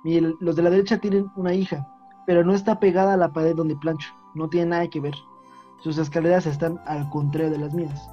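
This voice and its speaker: A young man, telling a story in casual chat in a rapid, offhand way. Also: fairly high pitch, little pitch movement, faint music behind. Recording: dull lo-fi audio.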